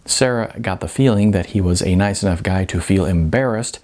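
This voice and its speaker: Here the author voices his own novel for an audiobook at a brisk clip, in a low voice. He keeps it expressive and conversational, pausing now and then.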